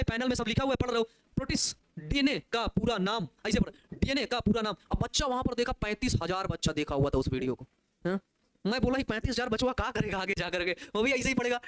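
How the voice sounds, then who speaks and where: A man giving an online biology class in a chatty lecture style. He fills his talk with constant "okay" and "isn't it" checks and calls the students dear children. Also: high voice. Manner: rapid, repetitive, keeps saying "okay" and "isn't it", addresses students fondly.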